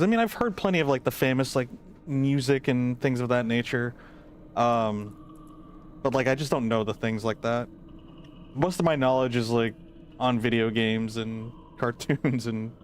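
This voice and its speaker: A man's voice: mid-range voice, unhurried, a little hiss or hum. A man streaming a game, chatting casually and rambling with lots of fillers. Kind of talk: casual gameplay chat.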